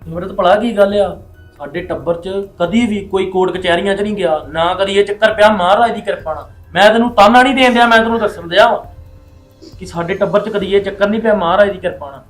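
A man's voice: high voice, quick pace, faint music behind, natural voice. A man playing a son-in-law in a family drama, insistent and reassuring, repeating himself as he talks. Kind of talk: Punjabi family web drama acting.

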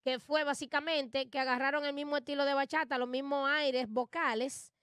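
A woman's voice: sits high, steady tone, normal speed, a bit bright, no echo, clean studio sound. A woman co-hosting morning radio, giving frank, critical opinions in casual chat. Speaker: radio co-host.

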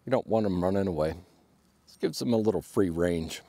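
Gravelly low-voiced man, laid-back vlog. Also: fairly quick, dark tone, no echo, studio quality. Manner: laid-back, chatty, talks to his dog. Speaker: overlanding vlogger. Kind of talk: casual how-to vlog. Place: outdoors at a wooded campsite.

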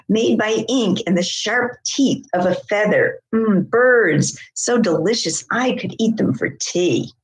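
A woman reading a poem in the voice of a proud, lazy cat from a manuscript, slow and savoring. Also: medium pitch, pitched above the performer's own voice. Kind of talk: poetry reading in a character's voice. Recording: roomy echo.

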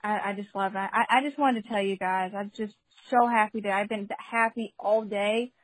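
A woman's voice: mid-range voice, steady tone, normal speed, no room sound. Young woman, phone call-in testimony, chatty and giggly, dry sound. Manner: chatty and giggly, many fillers and restarts. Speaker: caller sharing a testimony. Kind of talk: casual spoken testimony.

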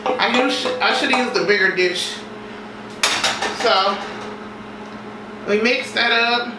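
This home cooking vlogger, a woman in her thirties, talks slowly in a fairly high voice while demonstrating a recipe. She's chatty and laid-back, using folksy expressions; the far-off camera mic catches a roomy kitchen, dishes clattering, and a noisy background.

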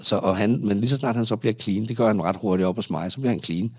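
Male therapist guest: low, husky, animated explainer, dry close-miked sound. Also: no room sound. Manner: animated, explanatory, frequent restarts. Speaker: psychotherapist guest. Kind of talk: casual podcast conversation.

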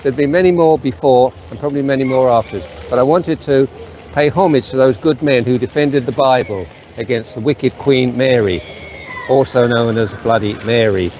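A man's voice: mid-range voice, normal speed, darkish tone, a little hiss or hum. Earnest older Englishman outdoors. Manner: earnest, solemn, reading names from a sheet. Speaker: street preacher. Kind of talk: outdoor video address. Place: sunny town square outdoors. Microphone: camera at a few metres.

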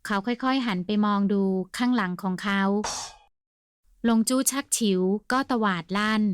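Woman narrating an audiobook, polite and steady. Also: on the high side, a little slow, a little hiss or hum.

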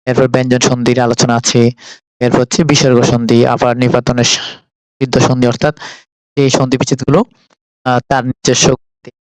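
A man with a Bangladeshi Bengali accent walking students through a textbook in a casual lesson, unhurried, listing terms aloud with frequent filler pauses. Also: medium pitch, level tone, dry recording, poor audio. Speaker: teacher. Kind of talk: casual book walkthrough lesson.

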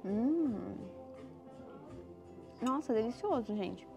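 Over background music, a young woman travel vlogger with a Brazilian Portuguese accent tastes food aloud in a casual vlog from an indoor restaurant terrace, chatty and murmuring. Her voice is a little high, animated, gravelly and very slow, picked up by a lapel mic.

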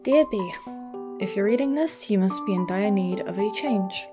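A woman reading out the letter of a gentle, wise old grandfather from a farming game, softly and slowly, with game music behind. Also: medium pitch, lively intonation, natural voice. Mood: tender. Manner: slow, soft, reading aloud. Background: background game music.

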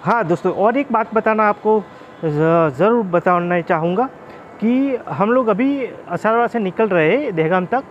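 A man's voice: sits high, expressive, measured pace, muffled recording. A man, narrating a casual railway travel vlog from a moving train and addressing viewers as friends. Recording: faint vehicle noise.

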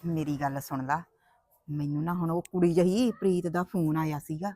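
A woman's voice: deep voice, fairly even intonation, normal speed, mellow, no echo, clean studio sound. An actress playing a worried woman who hides her whereabouts from others. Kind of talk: village short-film acting.

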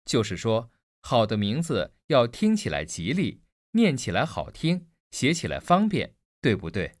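A man with a mid-pitched, animated voice plays a curious student and asks questions in a scripted textbook dialogue. The sound is dry and close, with no room around it. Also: measured pace, no echo. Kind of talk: scripted listening-exercise dialogue.

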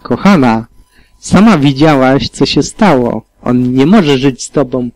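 Mężczyzna czytający spokojna klacz-pegaz. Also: male voice, medium pitch, animated, a little slow, darkish tone, close to an everyday voice, poor audio. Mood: gentle. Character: serious green pegasus mare interrogator. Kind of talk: audiobook reading.

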